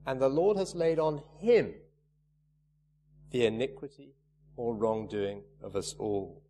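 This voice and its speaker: A man's voice: mid-range voice, slow pace, mellow. A man preaching a sermon, earnest and emphatic, leaning hard on key words. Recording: reverberant hall, faint hum.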